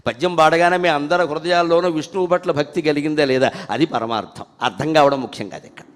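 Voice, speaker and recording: A man with a Telugu accent delivers a devotional discourse in a high voice. Between his plain explanations he slows down to chant verses with fervour. The sound carries a long hall reverb. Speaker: spiritual speaker.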